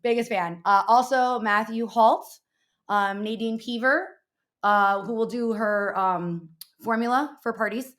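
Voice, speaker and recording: Woman co-host, fairly high voice, relaxed rambling chat full of "um" and "uh". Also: a little slow. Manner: chatty, rambling, many fillers. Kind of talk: casual podcast chat.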